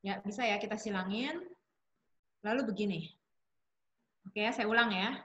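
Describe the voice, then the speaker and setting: A woman's voice: mid-range voice, moderate pace. A woman speaking at an online support session, chatting casually between stories and guiding simple relaxation exercises. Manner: chatty, warm asides, frequent fillers. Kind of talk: casual talk with guided exercises.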